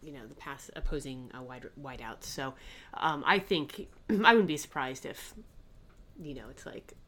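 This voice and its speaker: A woman's voice: extremely low pitch, measured pace, a bit bright, a little hiss or hum. A woman co-hosting a fantasy football podcast in casual chat, agreeable and hedging. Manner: agreeable, many backchannels, hedging.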